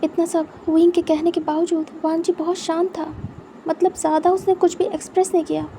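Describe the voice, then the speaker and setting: A woman reads a fan fiction story aloud in a high, mellow voice. Her delivery is plain and steady, with little rise and fall. She narrates evenly from line to line. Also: brisk, a little hiss or hum.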